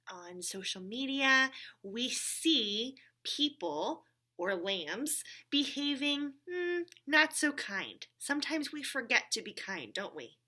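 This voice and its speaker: Her voice is fairly high, bright, and forceful as she hosts a church story time, conversing with a puppet companion for young children. She keeps things simple and encouraging, checking in often with questions.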